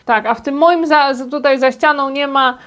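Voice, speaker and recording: A woman co-hosting a podcast, telling stories in a lively, casual way. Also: high voice, moderate pace. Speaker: podcast co-host.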